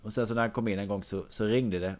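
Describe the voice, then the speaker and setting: A man with a somewhat low voice tells a long anecdote in casual conversation. He wanders from detail to detail as he goes. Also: steady tone, a little mellow. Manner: long meandering anecdote told to a listener. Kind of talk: casual chat.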